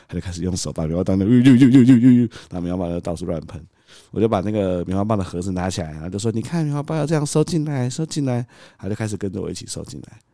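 A man's voice: on the low side, very fast, no echo, clean studio sound. A father, co-hosting a podcast and animatedly acting out a story about his toddler, laughing as he goes. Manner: animated, acts out scenes, laughs often. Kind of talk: casual storytelling chat.

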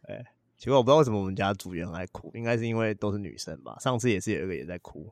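A man's voice: lowish voice, expressive, a little mellow, no room sound, clean studio sound. A man, co-hosting a podcast in casual chat and telling self-deprecating stories. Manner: fast, joking, self-deprecating storytelling. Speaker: podcast co-host.

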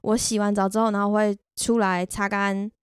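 A woman with a Taiwanese Mandarin accent hosts a podcast, sharing a personal story in a candid, chatty, self-deprecating monologue. Her medium-pitched voice barely moves in pitch and runs at normal speed. The tone is clean, and the studio recording is dry.

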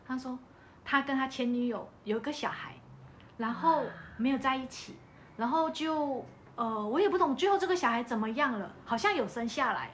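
A woman's voice: sits high, moderate pace, slight background noise. A woman with a Malaysian Mandarin accent, chatting casually on a podcast and telling a personal story, acting out the dialogue with energy. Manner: animated storyteller who acts out quoted dialogue. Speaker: podcast speaker.

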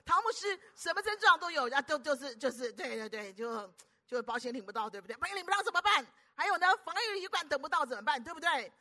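A middle-aged woman preacher, delivering an animated sermon full of rhetorical questions to the congregation. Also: sits high, quick pace. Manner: animated, keeps asking the audience rhetorical questions; acts out anxious inner voices and conversations.

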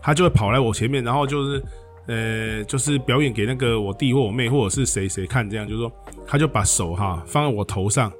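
A middle-aged man chats casually on a podcast in a mid-pitched voice. He rambles and backs his co-host with strings of quick "yes, yes". Faint music sits in the background. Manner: rambling, lots of quick repeated "dui". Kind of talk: casual chat.

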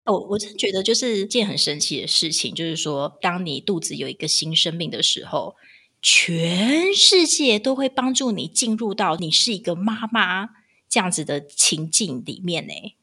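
A woman chats casually on her podcast. Her voice is bright, with a slightly husky, breathy edge. She tells stories with lively energy and acts out other people's lines. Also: on the low side, normal speed. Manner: animated storytelling, acts out voices with laughs. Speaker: podcast co-host. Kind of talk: casual chat.

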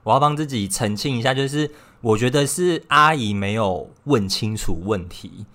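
A man co-hosting a casual podcast chat over an online call, calmly explaining his side. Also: mid-range voice, moderate pace. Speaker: podcast co-host. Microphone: remote online call.

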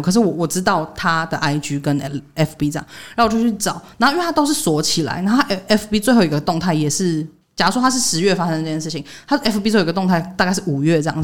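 Fast-talking woman telling a story. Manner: animated retelling, voicing others' quotes with jumps in pitch. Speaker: podcast co-host. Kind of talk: casual storytelling chat.

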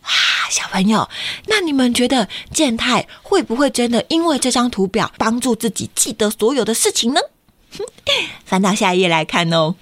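A woman's voice: on the high side, very animated, moderate pace, no echo. A woman storyteller reading a picture book to young children, guiding them with frequent questions. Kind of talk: interactive picture-book read-aloud for children.

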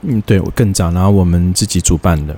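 A man's voice: deep voice, fairly even intonation, fast talker, crowd noise. A man with a Taiwanese accent chatting casually as a podcast guest. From Kaohsiung, Taiwan. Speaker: podcast guest, concert promoter and app developer. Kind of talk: casual conversation.

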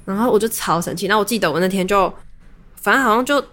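A woman's voice: mid-range voice, fast talker, a bit bright. A young adult woman, hosting a podcast and telling a personal story in a casual, rambling way with many restarts. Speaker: podcast host.

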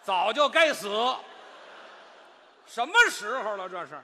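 A man as the supporting crosstalk partner, interjecting with short quick retorts. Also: sits high, animated, pushed and bright. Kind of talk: Chinese crosstalk performance.

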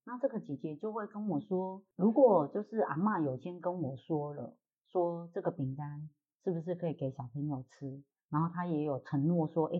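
Husky-voiced Taiwanese woman telling a story. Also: low-pitched. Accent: Taiwanese Mandarin. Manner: animated retelling, acting out relatives' quoted lines. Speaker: podcast host. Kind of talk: casual storytelling chat. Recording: tinny phone-like audio.

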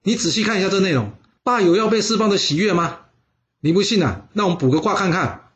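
A man's voice: high-pitched, expressive, fast talker, a bit bright, dull audio, voice pushed up. A man voicing a shrewd, urgent young strongman warrior in a storytelling podcast.

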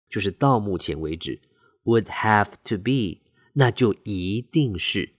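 A man with a deep, low voice gives a bilingual English lesson. He explains phrases clearly and deliberately, like a teacher walking students through a model answer. The sound is dry and close, with no room around it. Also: no room sound.

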